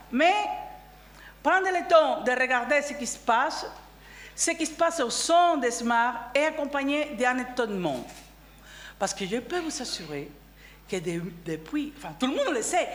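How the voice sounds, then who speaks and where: A woman on a cooperative's board giving a candid personal speech at a general assembly, halting, with many restarts and fillers. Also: sits high, very animated, reverberant, a little hiss or hum. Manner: candid, chatty.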